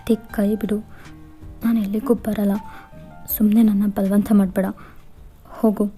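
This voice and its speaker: A woman's voice: mid-range voice, little pitch movement, measured pace, warm tone, slightly rough, soft background music. A woman voicing a distressed young widowed woman who protests and wavers, in a fan fiction voiceover. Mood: upset.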